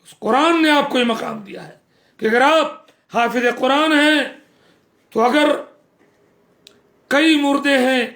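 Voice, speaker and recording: A man's voice: very high-pitched, pauses often, sharp tone. A man preaching a sermon, earnest and scolding, repeating phrases for emphasis.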